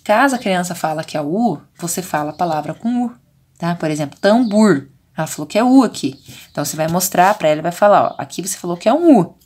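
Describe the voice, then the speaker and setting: Brazilian teacher sounding out syllables. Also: female voice, on the low side, lively intonation, darkish tone, husky. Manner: patient, drawn-out sounding of syllables and vowels; frequent checking fillers. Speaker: preschool teacher. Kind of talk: remote lesson for young children.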